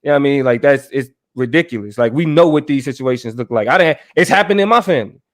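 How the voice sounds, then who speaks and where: A man's voice: mid-range voice, animated, fast. A man hosting a casual debate recap, talking conversationally and often checking in with "right?" and "you know what I mean". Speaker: show host.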